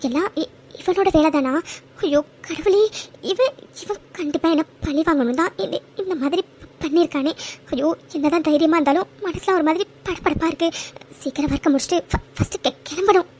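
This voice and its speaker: A woman's voice: extremely high pitch, fairly quick, darkish tone. A woman voicing a young female office worker in a cartoon, stern and dismissive when confronted. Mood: anxious. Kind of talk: cartoon voice acting.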